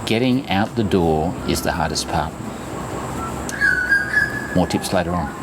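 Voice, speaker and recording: A man's voice: deep voice, lively intonation, unhurried, very noisy. A man in his sixties talking casually to camera as a running vlogger, chatty, instructive and reassuring as he shares tips. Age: 60s.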